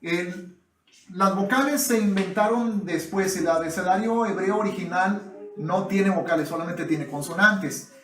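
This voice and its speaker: A man delivers a sermon in a fairly high voice at a slow, measured pace. He keeps addressing the congregation as brothers and asks them to agree with him. The sound carries the echo of a church hall. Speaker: preacher.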